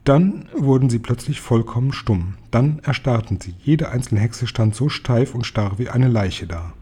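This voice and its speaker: A man reading a children's novel aloud as narrator, calm and even. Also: medium pitch, unhurried, slightly rough. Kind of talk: audiobook reading.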